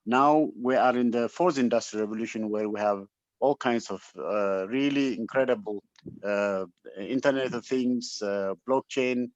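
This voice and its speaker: In a dry recording of dull, lo-fi webinar audio from an online call mic, a man with an Ethiopian accent speaks at medium pitch and an unhurried pace. His unscripted motivational address is passionate, emphatic, and exhortative, with frequent repetition to add weight.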